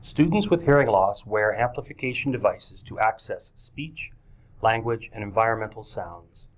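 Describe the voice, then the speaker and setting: A man's voice: lowish voice, moderate pace. A man giving scripted instructional narration for teachers, speaking directly to them as folks. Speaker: presenter of a teacher training video.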